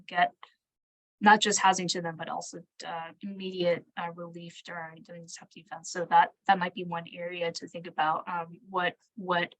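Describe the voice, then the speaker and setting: A woman's voice: lowish voice, fairly bright tone, poor audio. A woman presenter answering questions off the cuff in an online session, tentative and conciliatory, often trailing off. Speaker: training presenter, local government staffer.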